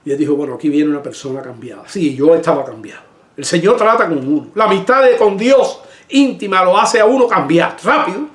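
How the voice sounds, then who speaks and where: A man's voice: high voice, expressive, fairly quick, fairly bright tone, echoey room. A middle-aged male pastor preaching a sermon, telling a personal story with emotion and many restarts.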